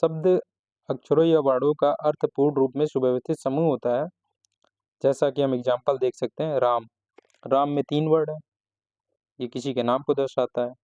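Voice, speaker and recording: Slow methodical male grammar teacher. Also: mid-range voice, steady tone, warm tone, no room sound. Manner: slow, methodical explaining with frequent restarts. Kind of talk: explanatory grammar lesson. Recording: slightly dull, lo-fi recording.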